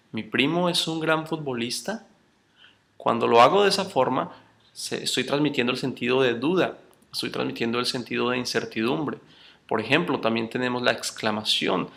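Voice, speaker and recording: A man teaching a recorded course lecture, addressing his students as brothers and explaining slowly with spoken examples. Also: medium pitch, gravelly, bright, forceful tone. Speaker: course instructor.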